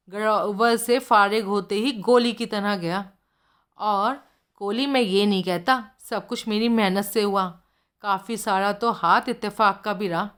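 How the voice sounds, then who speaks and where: A woman's voice: mid-range voice, a bit bright, lightly acted. Woman voicing a blunt streetwise male informant. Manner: slangy, blunt, storytelling.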